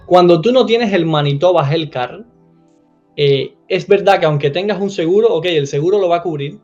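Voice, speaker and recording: A man's voice: fairly high pitch, normal speed, a little mellow, dull audio, soft background music. A man in his forties, a guest in an interview, explaining things earnestly and acting out quotes with animation. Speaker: immigrant guest. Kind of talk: casual interview chat.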